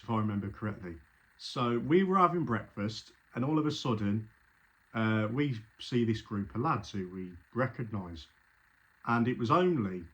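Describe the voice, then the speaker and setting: Chatty man recalling a match trip. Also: mid-range voice. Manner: chatty, rambling, with frequent restarts. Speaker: football fan telling his story. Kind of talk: casual spoken recollection.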